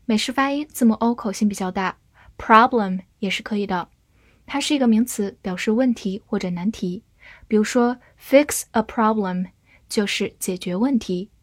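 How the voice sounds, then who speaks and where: A woman teaches English words in a slow, deliberate way, spelling each one letter by letter. Her voice sits a little high and sounds dry and close, with no room around it. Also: dry recording. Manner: slow, measured spelling and example reading. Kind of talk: scripted vocabulary lesson.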